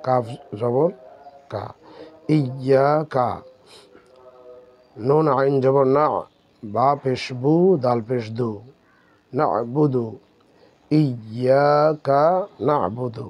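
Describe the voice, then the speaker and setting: Man teaching slow Quran reading. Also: medium pitch, darkish tone. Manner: slow, drawn-out syllable drills. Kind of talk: step-by-step recitation lesson.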